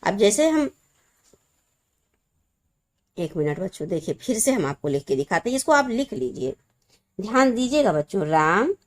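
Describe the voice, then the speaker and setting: A woman teacher giving a lesson to students, explaining a memory trick and slowly repeating the key words. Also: mid-range voice, big pitch swings.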